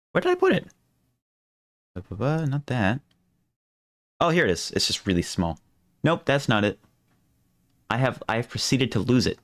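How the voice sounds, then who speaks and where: A man hosting a live stream, chatting casually and thinking aloud, his voice going hoarse. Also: mid-range voice. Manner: rambling, restarts often, thinks aloud. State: losing his voice.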